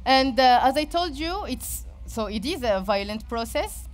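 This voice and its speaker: A woman with a Moroccan accent giving an informal talk, haltingly searching for words and often repeating herself. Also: sits high, lively intonation, soft background music. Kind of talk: informal spoken presentation.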